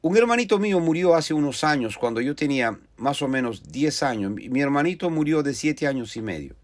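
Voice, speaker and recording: A man's voice: fairly high pitch, big pitch swings, brisk, no echo. A preacher telling a personal testimony in earnest storytelling, often repeating and restarting his phrases.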